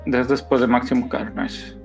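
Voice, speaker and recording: A man with a gravelly, fry-heavy voice adds quick corrections and agreements to a comics chat. Faint music runs underneath him. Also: mid-range voice, level tone. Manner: brief, knowing interjections and corrections. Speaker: podcast co-host. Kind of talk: casual chat about comics.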